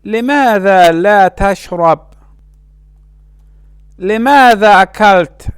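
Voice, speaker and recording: A man leads a language lesson at a very slow, deliberate pace, repeating each word with care. His voice sits high and sounds smooth and clear. The recording is dry and close. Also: no echo. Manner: slow, careful pronunciation with repeated words. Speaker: language teacher.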